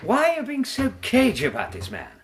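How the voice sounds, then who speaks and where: An actor playing a war-weary, irritable but curious Victorian English army doctor in a British radio drama. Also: male voice, high voice, huge pitch swings, a little fast, a little hiss or hum. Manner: well-spoken, old-fashioned gentlemanly speech.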